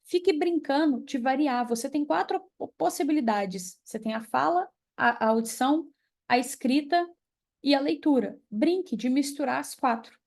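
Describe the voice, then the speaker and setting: A young Brazilian woman with a Brazilian Portuguese accent, coaching environmental professionals on learning English, lively and emphatic as she works through examples. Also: high voice, normal speed. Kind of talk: online class or mentoring talk.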